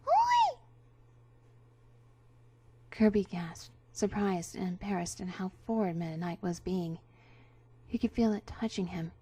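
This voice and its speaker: A woman narrating a story as a theatrical dramatic reading, with hammy, drawn-out emphasis. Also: mid-range voice, warm tone, dry recording. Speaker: narrator, reader.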